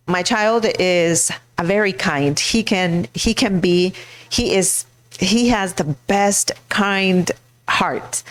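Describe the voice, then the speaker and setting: A middle-aged woman from Mexico, a school board candidate speaking earnestly into a handheld mic, pausing often with fillers and restarts. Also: mid-range voice. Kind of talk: personal speech to a live audience.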